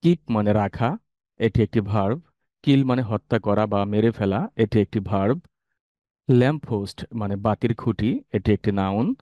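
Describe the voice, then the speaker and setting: A man with a Bangladeshi accent teaching English vocabulary in a steady, repetitive, word-by-word explaining manner. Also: on the low side, moderate pace, no echo. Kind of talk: vocabulary lesson.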